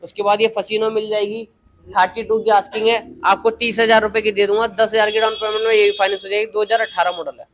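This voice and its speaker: Fast, high-pitched man in hard-sell mode. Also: level tone, fairly bright tone. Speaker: used two-wheeler dealer. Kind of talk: sales pitch listing prices and deals. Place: tiled scooter showroom, indoors.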